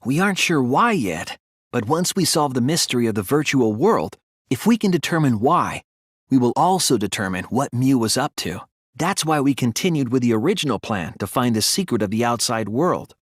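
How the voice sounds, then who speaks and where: In scripted video game voice acting, an earnest young male detective gives deduction speeches, explaining his reasoning deliberately and analytically. His mid-pitched voice is expressive, almost sing-song, with a soft husky edge. The recording is close and dry, with no room sound.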